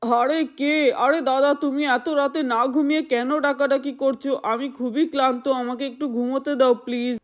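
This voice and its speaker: A woman's voice: high voice, steady tone, normal speed, close to an everyday voice. A sleepy young man grumbles irritably about being woken at night, as a woman voices him. He sounds worn out and short-tempered in this homemade doll cartoon. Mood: grumpy. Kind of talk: doll-play storytelling.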